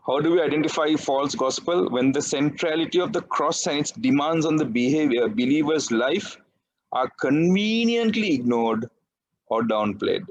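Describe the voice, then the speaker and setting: A man's voice: a little high, lively intonation, moderate pace, lo-fi sound. A man, preaching a sermon in a conversational way and often checking in with "right?". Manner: conversational, peppered with "right?" tag questions. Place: church.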